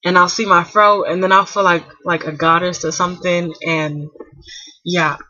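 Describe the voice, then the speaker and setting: A hair vlogger in her twenties chats to camera from home in a bright, slightly husky voice that sits on the low side, steady and at normal speed. She rambles with fillers and restarts, speaking softly so her napping child stays asleep. Old webcam audio makes the recording dry and dull.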